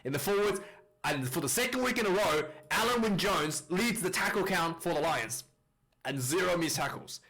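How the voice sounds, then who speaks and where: With a high, animated voice and a sharp tone, a man talks at a moderate pace through a casual rugby match review. His video commentary rambles, with fillers and restarts, on a mic that clips and distorts.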